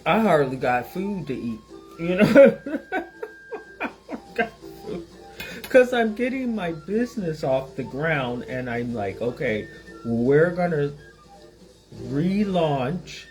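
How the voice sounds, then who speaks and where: A woman's voice: low voice, expressive, slow, darkish tone, rough recording. A woman chatting to viewers in her home kitchen as she cooks, rambling and a bit loopy from tiredness. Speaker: small business owner. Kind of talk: casual cooking vlog. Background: sizzling pan and music.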